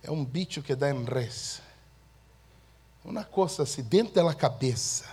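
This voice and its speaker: A male preacher giving a sermon, telling stories in an animated way that bursts into shouted exclamations. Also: mid-range voice, unhurried, husky.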